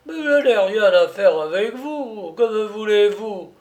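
A man reading aloud and voicing a grim, surly old captive with a raspy, curt manner. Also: high voice, slow, darkish tone, pitched above the performer's own voice. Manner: curt, hostile.

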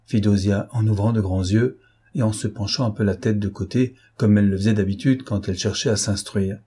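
Low husky male narrator. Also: fairly even intonation, dark tone. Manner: measured, storytelling. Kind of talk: scripted narration of a novel.

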